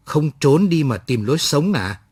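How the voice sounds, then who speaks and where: A man voicing a gruff young male soldier who barks his words roughly in a read-aloud story. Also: fairly high pitch, big pitch swings, unhurried, darkish tone, no room sound, full character voice. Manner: barking, rough-spoken.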